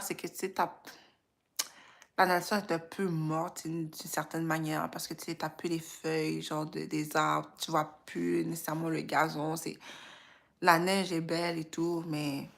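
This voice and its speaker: Hosting a livestream, this woman from Quebec, Canada speaks with a Québécois French accent in a relaxed, musing tone. Her low-pitched, creaky voice carries an informal, unhurried manner as she thinks out loud.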